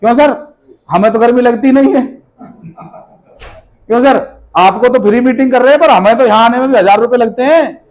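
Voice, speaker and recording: High-voiced man rousing a seminar crowd. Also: fairly quick, pauses often, a little mellow, low-quality recording. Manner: rhetorical questions to the audience, call-and-response; emphatic, scolding, repeats key phrases. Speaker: motivational business speaker. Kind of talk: motivational seminar speech. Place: seminar hall with a live audience.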